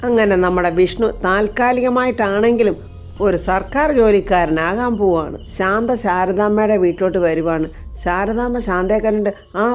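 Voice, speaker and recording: A woman's voice: medium pitch, darkish tone. Woman retelling a serial episode. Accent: Malayali. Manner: retells scenes, acting out characters' lines. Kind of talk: storytelling recap with quoted dialogue.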